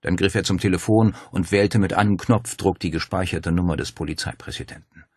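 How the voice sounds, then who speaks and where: A man reading a crime novel aloud in a calm, measured narration. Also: deep voice, breathy edge, no room sound, studio quality. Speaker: audiobook narrator.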